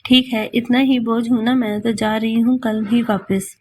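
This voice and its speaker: A woman voices a stubborn, nosy young woman who teases and nags. The voice sits a little high and playful. A storybook reading with faint background hiss. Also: flat delivery, normal speed, darkish tone, lightly acted. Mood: cheeky nagging. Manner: playful, nagging.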